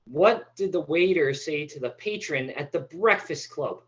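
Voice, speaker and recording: A man's voice: a little high, lively intonation, unhurried, a bit bright, dull audio. A man playing a nervous, floundering young first-time comic, stammering awkwardly through a stand-up monologue. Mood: awkward, defeated.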